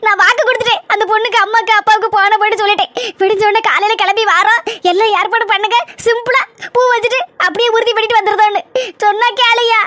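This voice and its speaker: A woman's voice: very high voice, fairly even intonation, fast talker, fairly bright tone, no room sound. Woman voicing a bossy Kanyakumari mother. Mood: insistent. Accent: Kanyakumari Tamil. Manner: pleading, then domineering and scolding. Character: worried insistent village mother. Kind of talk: cartoon voice acting.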